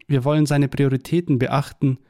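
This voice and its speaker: A man reading a devotional Bible tract aloud in a measured, earnest way, quoting scripture verses. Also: medium pitch, level tone, dark tone.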